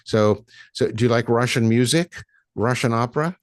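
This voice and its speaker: This podcast host has a mid-range voice and talks at a normal speed in a casual interview. He's chatty and rambling, frequently starting sentences over. The recording is dry, with clean studio sound.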